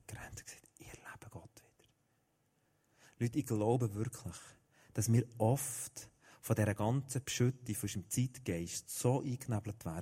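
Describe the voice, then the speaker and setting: A middle-aged man with a Swiss German accent, preaching a sermon full of personal stories, swinging from loud to hushed. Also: mid-range voice.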